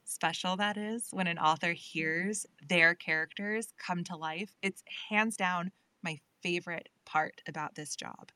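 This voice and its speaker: Bright-voiced woman narrator chatting. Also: on the low side, dry recording. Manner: chatty, laughs often, quick asides. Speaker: audiobook narrator and guest. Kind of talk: casual interview chat. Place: lives in England.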